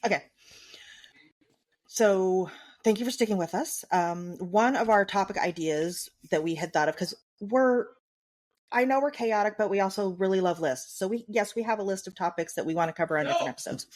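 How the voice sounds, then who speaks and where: A woman's voice: mid-range voice, normal speed, a little mellow. A woman co-hosting a podcast in casual chat. She is laid-back, swears casually, and steers the show between segments. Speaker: podcast co-host.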